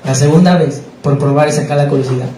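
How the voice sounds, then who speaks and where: A man recounts his personal testimony, stumbling and repeating words as he goes. His voice sits a bit high. He is heard from a distance in a reverberant church room with faint background noise. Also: fairly even intonation, warm tone. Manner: halting, repeats words, emotional retelling. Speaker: church member giving testimony. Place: church hall.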